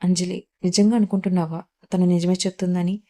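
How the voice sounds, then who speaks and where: A woman's voice: on the low side, little pitch movement, a little fast, mellow, lightly acted. A woman reading the part of a rich young businessman who speaks in a curt, firm way. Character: rich young businessman, cold then pleading.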